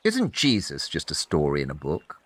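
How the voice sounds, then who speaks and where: An actor playing Sherlock Holmes in an audio drama, a coolly logical, blunt detective who speaks precisely with deadpan, condescending wit. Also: male voice, extremely low pitch, normal speed, breathy edge, dry recording, full character voice. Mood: dry, sardonic.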